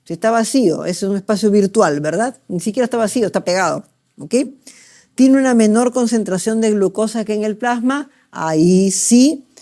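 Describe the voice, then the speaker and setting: Man lecturing with a mellow voice. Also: high voice, fairly quick. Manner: explanatory, asks rhetorical checks, acts out patients. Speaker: medical lecturer. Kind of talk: exam review lecture.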